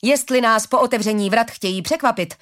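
A woman's voice: on the high side, a bit bright, close to an everyday voice. Woman voicing a harsh bald guard captain. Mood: commanding. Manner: barked orders. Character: bald male guard leader, harsh and impatient.

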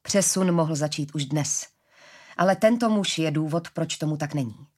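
A woman reading a story, voicing a calm, mysterious shapeshifting assassin who speaks quietly and unhurriedly, with a low husky voice.

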